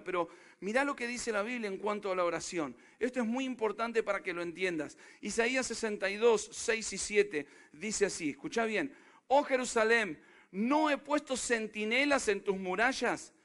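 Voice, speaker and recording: A man's voice: high-pitched, a bit bright. A man with a River Plate Spanish accent preaching a sermon, emphatic and often asking the congregation questions. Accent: Rioplatense Spanish. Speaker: pastor.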